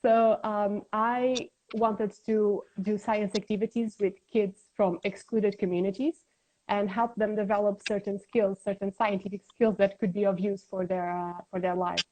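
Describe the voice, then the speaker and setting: Woman, young adult, interview guest, video call, measured, thoughtful, pitch medium. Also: level tone, darkish tone, low-quality recording. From Portugal. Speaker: guest, science communicator.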